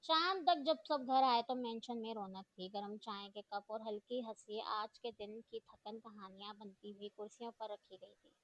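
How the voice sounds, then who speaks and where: A woman narrating a novel in a steady storytelling manner. Her voice sits a little high. The recording is dull, lo-fi and completely dry. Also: normal speed, hardly any pauses, no room sound. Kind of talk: reading a novel aloud.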